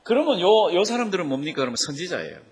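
In this sermon teaching from the Bible, the male pastor keeps turning questions to his congregation. He talks fast in a high, slightly rough voice that is very animated, all heard through long hall reverb.

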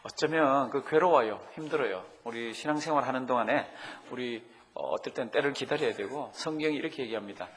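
Male pastor, animated storytelling sermon, reverberant church sound. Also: mid-range voice, a little fast, hardly any pauses, slight background noise. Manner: animated, rising emphatically to make points. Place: church sanctuary.

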